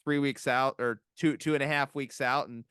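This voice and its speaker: A man's voice: medium pitch, fairly even intonation, moderate pace, a bit bright, clear, resonant tone, dry recording. A male interview host asking questions in a laid-back, encouraging way, with many ums and uhs. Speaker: podcast host. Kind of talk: casual interview.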